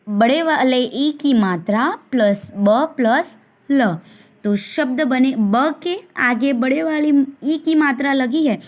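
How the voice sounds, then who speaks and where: A woman teacher with a high voice, leading a recorded lesson for young children. She speaks at an unhurried crawl, drawing each syllable out carefully so the class can follow and repeat after her. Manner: slow, deliberate, stretching syllables to model pronunciation. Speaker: primary school teacher.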